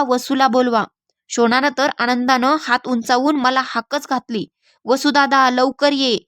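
A woman reading a novel aloud as an audiobook, in a measured and expressive storytelling manner. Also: a little high, dry recording, clean studio sound. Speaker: audiobook reader. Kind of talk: literary audiobook narration.

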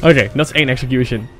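A young Dutch man giving excitable let's-play commentary, swearing and shouting at the game. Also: mid-range voice. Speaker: gaming YouTuber. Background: game music.

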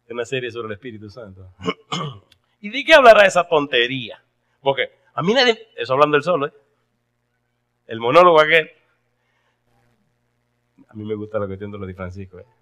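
Animated storytelling pastor, man. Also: mid-range voice, moderate pace, long pauses. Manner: animated storytelling, asks the audience questions. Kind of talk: sermon.

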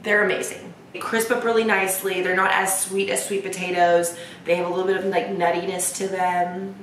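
A woman's voice: fairly low pitch, little pitch movement, brisk, a bit bright. A woman in her twenties chatting upbeat through a grocery haul vlog in her home kitchen, filmed from a few feet away. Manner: chatty, upbeat, says y'all. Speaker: lifestyle vlogger. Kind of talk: casual vlog chat. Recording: echoey room, mic at a distance, noisy.

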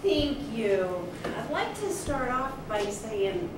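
A woman gives a town board a chatty, relaxed update at a slow, easy pace. She is heard from a distance in a very echoey room. Loud background noise runs under her voice. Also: fairly high pitch. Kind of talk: informal update at meeting. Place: town hall meeting room.

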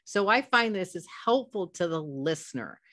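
A woman's voice: lowish voice, expressive, moderate pace, a bit bright, no echo, clean studio sound. A middle-aged woman presenting a webinar through a headset mic, talking conversationally with stories and frequent self-corrections. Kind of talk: professional development webinar talk.

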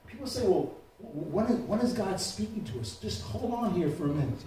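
High-voiced preacher in an echoey church. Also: male voice, expressive, a little fast, slight background noise. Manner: swings from quiet talk to shouted preaching. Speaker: pastor. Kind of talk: sermon. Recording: echoey church room, mic far off.

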